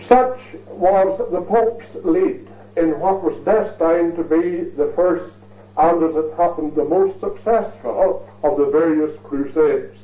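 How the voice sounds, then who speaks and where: Man, high voice, formal lecturer, ornate delivery, heard through a thin, phone-like recording. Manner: measured, ornate, repeats phrases for emphasis. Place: lecture hall. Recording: tinny, echoey recording from far off.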